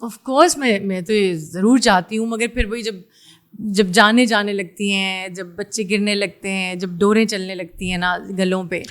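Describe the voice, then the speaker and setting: A middle-aged woman with a Pakistani Urdu accent, a singer chatting casually as an interview guest, pausing often with fillers and slipping into English. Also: mid-range voice, fairly even intonation, fairly bright tone. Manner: hesitant, many fillers, mixes in English.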